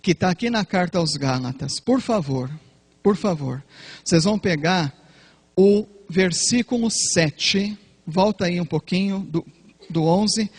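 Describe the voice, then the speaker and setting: High-voiced Brazilian preacher. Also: male voice, measured pace, slightly rough. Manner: questions the audience often, builds to loud emphatic peaks. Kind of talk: Bible teaching sermon.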